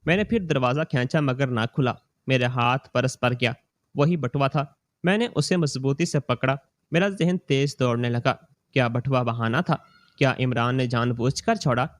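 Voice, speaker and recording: Male narrator, mid pitch, slow steady storytelling, dry close sound. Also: no room sound. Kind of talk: scripted narration of a moral story.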